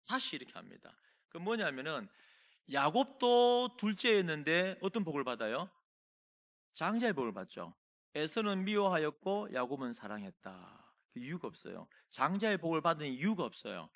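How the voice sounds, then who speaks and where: Male pastor, middle-aged, sermon delivery; lively swooping pitch, bright forceful tone, dramatizes quotes. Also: moderate pace. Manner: animated storytelling, acts out quoted voices. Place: church sanctuary.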